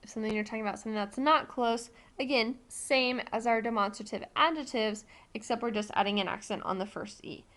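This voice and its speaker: A woman's voice: fairly high pitch, brisk, hardly any pauses, a bit bright. An American woman Spanish teacher giving a recorded classroom lesson, explaining patiently step by step with frequent ums.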